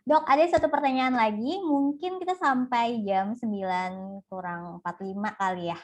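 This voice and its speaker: A woman's voice: fairly high pitch, normal speed, a little mellow. A woman moderating an online webinar, thanking the speaker enthusiastically and managing the time. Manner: friendly, enthusiastic thanks, mixes English words. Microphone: video call.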